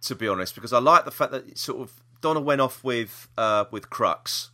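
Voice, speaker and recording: Enthusiastically talking over audio dramas with his podcast partner, a man repeats points to hammer them home. His mid-range voice is animated, pushed, and bright, moving at a normal speed.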